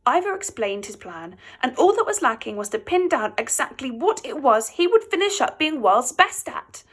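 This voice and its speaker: Lively woman reading a children's story. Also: sits high, moderate pace. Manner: playful, expressive reading.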